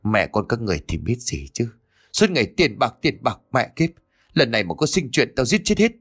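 A man voicing an angry older village man, barking rough threats. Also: fairly low pitch, expressive, quick pace, fairly bright tone, dry recording, clean studio sound. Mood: furious.

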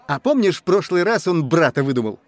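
A woman's voice: on the low side, sing-song, a little fast, dry recording, some chatter behind, voice pushed down. A woman voicing a brash young male musician who teases his drunk friend in an audiobook. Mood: mocking. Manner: teasing, laughing at his friend.

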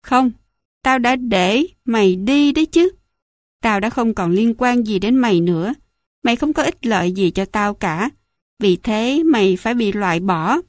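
A woman's voice: on the high side, lively intonation, measured pace, dry recording, studio quality. A woman voicing a cruel, scornful middle-aged mother who smokes and mocks her son. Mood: sneering. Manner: sneering, mocking, contemptuous.

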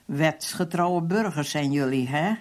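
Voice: mid-range voice, unhurried, natural voice. A reader voicing a brutal male police captain who interrogates and threatens his prisoners. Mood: bullying. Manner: threatening, shouting.

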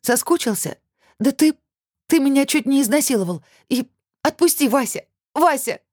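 A reader voicing a frightened, angry young woman who pushes back with raised, sharp outbursts. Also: medium pitch, lively intonation, brisk, breathy edge, dry recording, clean studio sound, pitched above the performer's own voice. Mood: angry, panicked. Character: frightened, furious young woman fighting off her ex.

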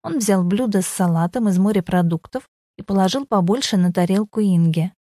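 A woman narrating a story as an audiobook reader, in a measured, unhurried way. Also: medium pitch, warm tone, no echo, studio quality. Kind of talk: scripted narration.

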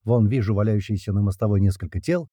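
Husky man narrating an action audiobook. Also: on the low side, quick pace, warm tone, no room sound, studio quality. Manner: tense action narration, dialogue read aloud. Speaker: audiobook reader. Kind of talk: first-person audiobook narration.

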